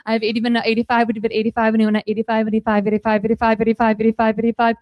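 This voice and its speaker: Casting: American female auctioneer, high-pitched, rattling off a repetitive bid chant at speed, close dry sound. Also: monotone, very fast, no echo, lo-fi sound. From Minnesota, United States. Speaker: contestant auctioneer. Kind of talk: auctioneer chant, rapid rhythmic repeated bid calling.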